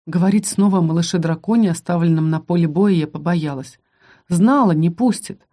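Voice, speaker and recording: An audiobook narrator reading a first-person fantasy romance novel in a calm, measured storytelling manner. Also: medium pitch.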